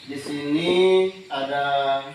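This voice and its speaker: A male teacher leading his class through a concentration game, calling out commands loudly. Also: fairly high pitch, little pitch movement, drawn-out words. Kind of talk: classroom instruction. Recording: echoey classroom recorded from far off, noisy.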